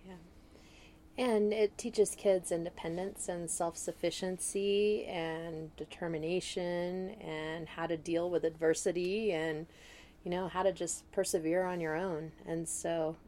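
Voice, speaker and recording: A woman's voice: fairly low pitch, warm tone. A woman speaking earnestly in a casual interview, listing her points one after another.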